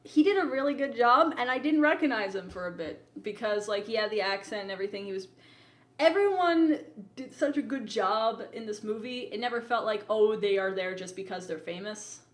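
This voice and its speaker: On a podcast where she co-hosts film reviews, an opinionated, chatty woman shares informal takes in easygoing conversation. She speaks brisk and animated, her voice on the high side, in a roomy space with noticeable echo.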